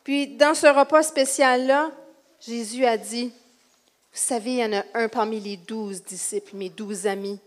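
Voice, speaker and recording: A woman with a Quebec French accent playing the grieving, gentle mother of Jesus, telling her story softly and hesitantly. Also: fairly high pitch, fairly even intonation, measured pace, pitched below the performer's own voice, close to an everyday voice. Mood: sad, gentle. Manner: soft, hesitant storytelling with fillers.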